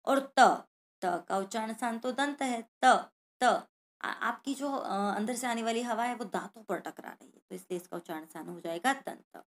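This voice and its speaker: A woman's voice: a little high, moderate pace. A woman Sanskrit teacher going through a worksheet lesson, sounding out each letter and speaking directly to the children watching.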